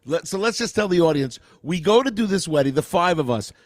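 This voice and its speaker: A man in his sixties hosting a casual interview, nudging his guest along with old shared stories. His voice sits high for a man, and the recording is dry and close with little room sound. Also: animated, fairly quick, dry recording. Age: 60s. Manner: reminiscing, prompting the guest with stories. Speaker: host.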